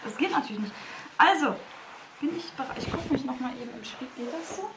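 Chatty high-voiced woman in an echoey room. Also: expressive, brisk, heavy background noise. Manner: chatty, sings and laughs a lot, swears playfully. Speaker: podcast host. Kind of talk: casual chat while getting dressed.

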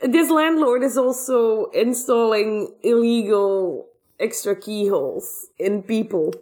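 Female co-host, slightly high voice, slow pace, wry casual banter. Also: a little mellow. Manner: wry, joking, sweary. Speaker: podcast co-host. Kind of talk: casual chat.

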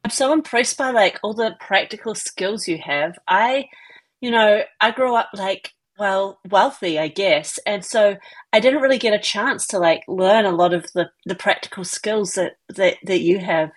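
A woman playing a sheltered, wealthy young woman with a breathy, gushing way of talking in a tabletop role-play. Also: medium pitch, normal speed, lightly acted. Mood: admiring.

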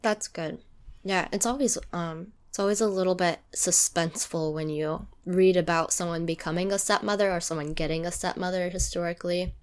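A woman co-hosting a podcast in casual talk, her voice gravelly from allergies. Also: lowish voice, steady tone, brisk. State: allergy-affected voice. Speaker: podcast co-host.

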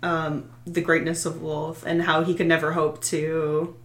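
Lowish-voiced woman player, rambly, laughs a lot, echoey room. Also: flat delivery, unhurried. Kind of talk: casual tabletop play.

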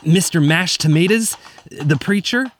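A man's voice: on the high side, animated, unhurried, a little hiss or hum. A man voicing a nervous young ruffian in a red bandana who talks in a folksy western drawl in a comedy radio western. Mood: eager. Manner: folksy western drawl, stammering when anxious.

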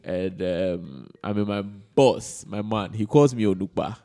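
A man's voice: fairly low pitch, measured pace, dark tone. A man with a Ghanaian accent hosting a casual podcast, chatting in an informal, slangy way and repeating words for emphasis. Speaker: podcast host. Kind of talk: casual unscripted podcast chat. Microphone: held microphone in a recorded session.

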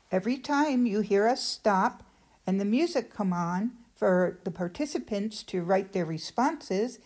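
A woman's voice: fairly high pitch, darkish tone, no room sound. A woman with a Rhode Island accent, hosting a group writing session as if for a podcast. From Rhode Island, United States.

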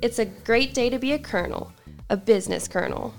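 A woman's voice: fairly high pitch, a little fast, vocal fry, faint music behind. A woman announcer giving an upbeat, polished promotional read.

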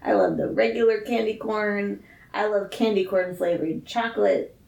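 A woman's voice: mid-range voice, moderate pace, creaky, darkish tone. A woman co-hosting a podcast, chatting casually with enthusiasm and plenty of swearing. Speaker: podcast co-host. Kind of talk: casual chat. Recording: roomy echo.

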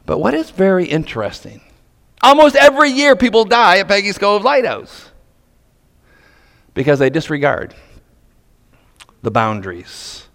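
Preacher, widely swinging high pitch. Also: male voice, very animated, a little slow, creaky, long pauses. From Nova Scotia, Canada. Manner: emphatic, dramatic delivery swinging from hushed to loud. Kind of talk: sermon to men, storytelling with pointed rhetorical questions. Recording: reverberant hall.

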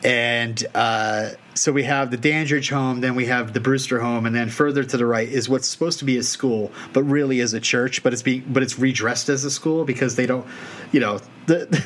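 A man's voice: medium pitch, fairly bright tone. Chuckling man recapping a film. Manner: chuckles often, rambling recaps. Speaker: podcast host. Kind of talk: casual film-discussion chat.

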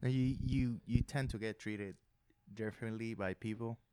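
A man from the Dominican Republic co-hosting a podcast. His voice is low and deep, recorded dry and up close. He tells stories in an easygoing way. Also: fairly even intonation, moderate pace, mellow, clean tone, no echo. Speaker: podcast co-host. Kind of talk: casual chat.

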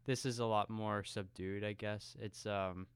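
A man co-hosting a film podcast, talking in a relaxed, conversational way. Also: fairly low pitch, measured pace, clean tone, no room sound, clean studio sound. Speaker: podcast co-host. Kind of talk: casual film podcast chat.

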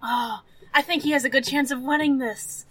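A woman's voice: sits high, steady tone, normal speed, very noisy. A woman player in a tabletop game, chatting casually and playfully. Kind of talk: casual chat.

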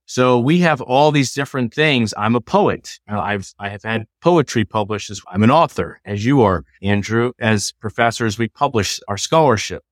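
A middle-aged man, a law professor, explaining ideas in a measured, lecturing way during a conversation. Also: mid-range voice, dry recording, clean studio sound.

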